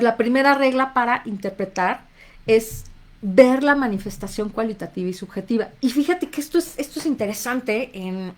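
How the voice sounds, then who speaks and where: Mexican woman hosting a live talk. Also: a little high. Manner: conversational, reads out viewers' names, acts out little inner voices. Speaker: therapist and live-stream host. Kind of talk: live-stream talk to viewers.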